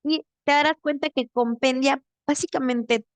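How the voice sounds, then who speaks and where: A woman's voice: sits high, steady tone, normal speed, dry recording. A woman teacher with a Mexican accent giving a grammar lesson over a video call, explaining patiently step by step and checking in with her student.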